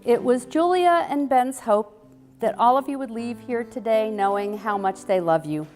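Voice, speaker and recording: A woman's voice: on the high side, moderate pace, a little mellow. Woman officiating a wedding, echoey room. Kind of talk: scripted ceremony address. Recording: echoey hall, music behind.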